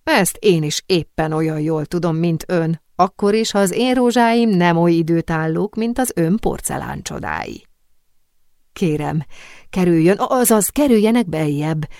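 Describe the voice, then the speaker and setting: A woman voices a balding, middle-aged porcelain master in an audiobook, bubbling over with welcome and apologies. The voice sits low and sounds dry and close. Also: darkish tone, no echo, natural voice. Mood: eager. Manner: effusive, apologetic, exclaiming. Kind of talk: audiobook character reading.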